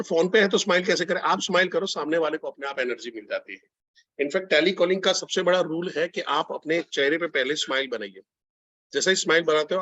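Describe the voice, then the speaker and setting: A man's voice: a little high, a bit bright, husky, no room sound, highs cut off. A man running an online sales training session, coaching listeners directly and repeating key phrases.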